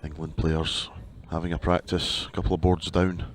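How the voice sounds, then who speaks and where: A man's voice: deep voice, level tone, moderate pace. A man giving live darts commentary into a headset, chatty and wry between the action. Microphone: headset at commentary position.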